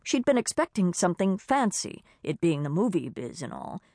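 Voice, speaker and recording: An audiobook narrator with a wry, expressive delivery reads scripted narration. Her voice is fairly low and moderately paced, recorded dry at studio quality.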